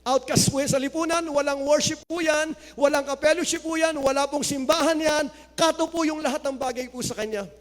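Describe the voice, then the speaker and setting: A male pastor preaching a sermon, mixing Tagalog and English and rising to loud exclamations of praise. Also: very high voice, brisk, few pauses. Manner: mixes Tagalog and English, reads scripture aloud. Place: church hall. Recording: hall reverb.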